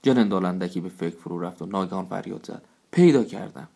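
مرد راوی با صدای نسبتاً بم. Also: male voice, low-pitched, vocal fry, breathy edge. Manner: steady, measured storytelling. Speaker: story narrator. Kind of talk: scripted narration.

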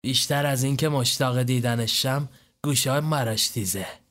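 A man's voice: medium pitch, steady tone, a bit bright, natural voice. A man doing a cocky young gang member.

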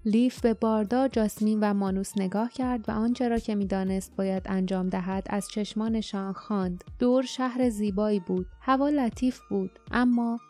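A woman narrating an audiobook in a measured, even storytelling manner. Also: medium pitch, soft background music.

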